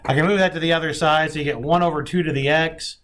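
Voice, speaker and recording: High-voiced man lecturing a math class. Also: steady tone, quick pace, fairly bright tone, slight background noise. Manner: thinks aloud, checks in with "right?". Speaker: math instructor.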